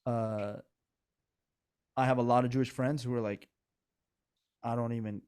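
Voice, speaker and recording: A man from Iran with a Persian accent co-hosts a podcast of casual political chat. His mid-range voice is smooth and darkish, with fairly even intonation and a moderate pace. He talks earnestly and rambles, full of restarts and asides.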